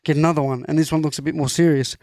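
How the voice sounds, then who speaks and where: A young Australian man co-hosting a podcast, telling stories in animated, swear-heavy casual chat. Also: a little high, very fast, no room sound, clean studio sound. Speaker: podcast co-host.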